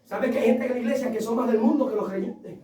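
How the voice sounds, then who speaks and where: A male pastor preaching a passionate sermon, telling personal stories and rising into shouts. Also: very high voice, quick pace, a crowd in the background. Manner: impassioned preaching that swells into shouts; tells personal stories with acted quotes. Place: church sanctuary. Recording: echoey church sound from a distant mic.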